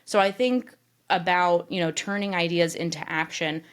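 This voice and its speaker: A woman guest on a podcast with a slightly low voice. She explains her ideas with animated, casual energy and scatters filler words through her talk. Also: moderate pace, clean tone. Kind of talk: conversational interview.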